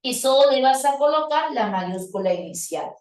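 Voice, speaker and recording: A woman's voice: high-pitched, animated, normal speed, darkish tone. A woman teaching a grammar lesson, explaining step by step and quizzing her students with questions. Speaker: language teacher. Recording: echoey room, voice from a distance.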